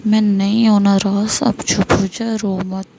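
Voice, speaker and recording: A woman's voice: mid-range voice, flat delivery, unhurried, creaky, a little mellow, a little hiss or hum. Woman voicing Tara, a stern caring friend. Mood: soothing.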